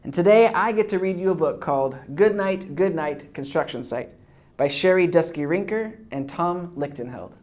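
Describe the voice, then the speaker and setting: A woman reading a bedtime story to young children in an expressive, gentle, soothing way, softening toward a hush at goodnights. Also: on the low side, moderate pace. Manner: gentle, soothing, hushing to soft near-whispers at each goodnight. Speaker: storybook reader. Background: background music.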